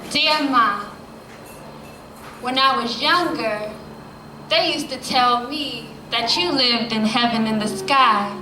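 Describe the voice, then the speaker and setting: A woman's voice: a little high, slow, long pauses, sharp tone, slight background noise. A woman, performing spoken word poetry at a poetry café with impassioned, rhythmic repetition. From the Bronx, New York. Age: 20s. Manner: impassioned, rhythmic, repeating lines for emphasis. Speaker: poet at an open mic. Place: poetry café reading room. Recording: echoey room with faint ambience.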